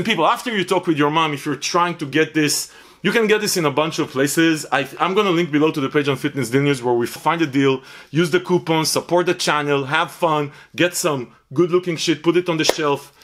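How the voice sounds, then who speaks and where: A man's voice: fairly high pitch, a bit bright. A man reviewing a pre-workout supplement in a blunt, profane, rambling way, repeating himself for emphasis. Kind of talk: casual review vlog.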